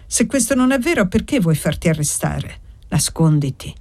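A woman's voice: lowish voice, very animated, normal speed, a little mellow. A woman voicing a protective older village woman in an audiobook, warning in urgent, cautioning tones.

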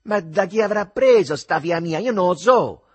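A man voicing a loud, indignant middle-aged woman with a Roman accent, scolding shrilly. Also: sits high, expressive, normal speed, husky, pitched above the performer's own voice.

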